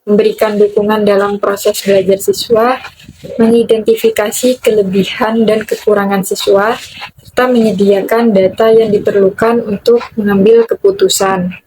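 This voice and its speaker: A woman's voice: mid-range voice, darkish tone, a little hiss or hum, poor audio. Young woman reading a class presentation. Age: young adult. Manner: measured, reads from a script with occasional slips and restarts. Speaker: university student presenter.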